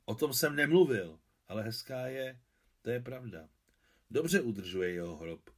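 A man's voice: mid-range voice, animated. A man reading aloud and voicing an earnest, brooding old war veteran. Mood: musing. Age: older. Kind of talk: audiobook reading.

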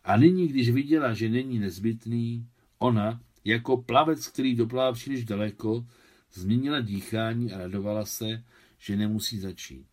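A man reading his translation of a novel aloud in a measured, expressive way. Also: mid-range voice.

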